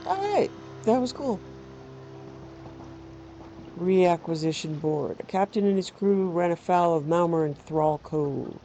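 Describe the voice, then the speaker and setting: A woman's voice: on the low side, lively intonation, slow pace, pauses often, dark tone, muffled recording. A woman casually commentating on a game she is playing and reading bits of its text aloud. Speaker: gamer host. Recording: faint background noise.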